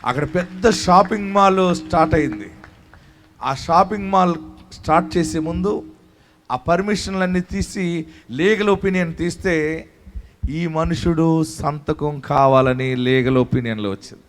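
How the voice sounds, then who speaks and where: A man pastor preaching a sermon, leading the congregation in song and shouted praise, then telling a story from his church. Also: on the high side, unhurried, pauses often. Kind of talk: sermon with worship singing.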